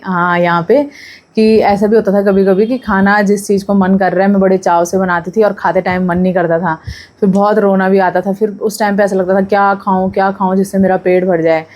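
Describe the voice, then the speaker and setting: A woman's voice: medium pitch, a little mellow. A young pregnant woman chatting casually to camera in a vlog, talking freely and drifting off topic. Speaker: vlogger.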